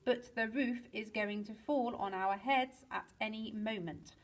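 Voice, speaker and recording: A woman's voice: fairly high pitch, measured pace, natural voice. A woman reading a sensible little spider's notes. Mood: worried.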